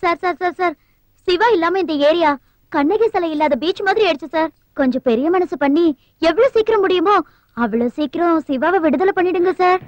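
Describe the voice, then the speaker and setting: A woman's voice: very high voice, animated, brisk, no room sound, lo-fi sound. An actress playing a young woman who pleads emotionally for the release of the man she loves in a dubbed film. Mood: pleading.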